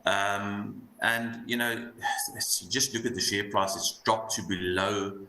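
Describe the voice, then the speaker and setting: A man with a broad South African Afrikaans accent gives unscripted market commentary as a guest analyst, haltingly, repeating words as he thinks. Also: fairly low pitch, fairly even intonation, bright, forceful tone. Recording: roomy echo, light background noise.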